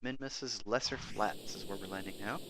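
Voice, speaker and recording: A man's voice: lowish voice, normal speed, a bit bright. A man giving casual running commentary on his game, talking to himself and his character. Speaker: gameplay video host.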